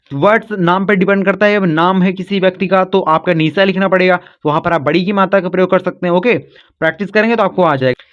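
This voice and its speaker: High-voiced man teaching reading patiently. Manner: patient, repetitive, addresses viewers as children. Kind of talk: classroom-style phonics lesson. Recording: dull lo-fi sound.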